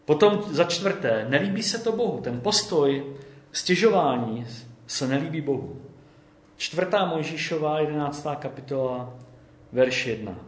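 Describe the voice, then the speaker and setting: A man's voice: fairly high pitch, animated. Conversational preacher man in echoey room. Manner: conversational, often adds "jo?". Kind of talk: sermon.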